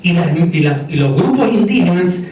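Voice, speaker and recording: A man's voice: high voice, sing-song, normal speed. Echoey, distant Puerto Rican man lecturing informally. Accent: Puerto Rican Spanish. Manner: conversational, repeats words for emphasis, seeks agreement. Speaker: conference speaker. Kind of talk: informal conference lecture with asides. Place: echoey indoor conference room. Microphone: distant microphone. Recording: echoey room, distant dull mic, faint noise.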